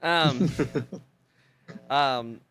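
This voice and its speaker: A man's voice: mid-range voice, drawn-out words, fairly bright tone, clean tone. A man doing a fumbling noble lord host. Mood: fussing. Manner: stately but fumbling, hesitant fillers. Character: lordly father hosting guests, formal, eager to please.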